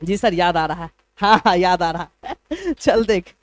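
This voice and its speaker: A man's voice: high-pitched, lively intonation, a little slow, dry recording. A man teaching English in a live online class, playful and teasing, spelling words out letter by letter.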